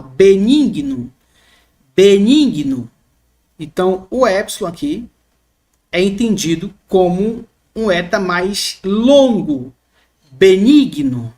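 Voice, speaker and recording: A teacher, slowly explaining letters and repeating each sound, often checking in with a quick question. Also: mid-range voice. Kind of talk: explaining the Greek alphabet.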